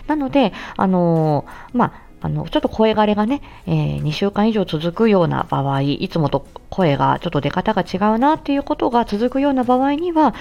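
A speech-language therapist, a woman, explaining in a casual, chatty way with many thinking pauses. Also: fairly low pitch. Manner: animated and chatty, frequent thinking fillers.

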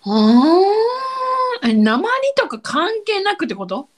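A woman's voice: very high-pitched, huge pitch swings, takes it slowly. A woman co-hosting a podcast in casual chat, listening closely and answering with short, frequent replies. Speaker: podcast co-host.

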